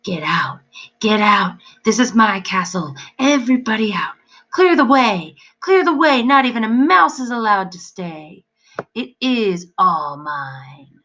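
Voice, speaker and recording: A woman's voice: expressive, unhurried, sharp tone, dull audio. A woman voicing a small, bossy male demon who shrieks and stammers threats, in a storybook reading. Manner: shrill, screaming, stammering threats.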